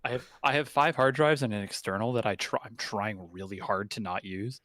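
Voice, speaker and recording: A man's voice: fairly low pitch, fairly quick, fairly bright tone, no room sound. A man chatting casually as a stream guest over group voice chat, often restarting his sentences and slipping in puns. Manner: stammering restarts, punning. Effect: heard over group voice chat.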